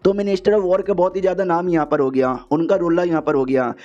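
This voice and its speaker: A man's voice: high voice, steady tone, brisk, darkish tone. Slangy male recap narrator, rambling. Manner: slangy, rambling, heavy on filler words. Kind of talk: casual story recap voiceover. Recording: dull lo-fi voiceover.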